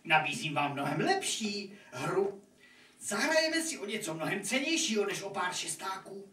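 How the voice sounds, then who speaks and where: A man's voice: high-pitched, very animated, bright, forceful tone, heavily acted. A man voicing a haughty, sly devil doctor, a theatrical villain who rules hell in a puppet show. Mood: sly, tempting. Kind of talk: puppet theatre fairy-tale acting. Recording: echoey room, distant microphone, noisy.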